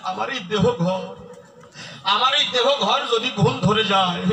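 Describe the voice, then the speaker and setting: A man's voice: high-pitched, moderate pace, gravelly, pushed and bright. A man, a folk singer, telling jokes and quizzing a live audience in a chatty way before he sings. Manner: chatty, calls the audience "baba", quizzes them. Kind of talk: joking stage storytelling to a live crowd. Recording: echoey stage sound from far off, music behind.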